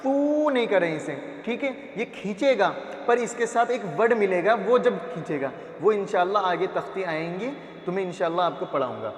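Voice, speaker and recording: Male Quran reading teacher, high voice, patient syllable drills, roomy echo. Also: expressive, hardly any pauses. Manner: drills letter sounds, repeats each syllable, asks and answers his own questions. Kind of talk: slow classroom recitation lesson. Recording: echoey roomy reverb.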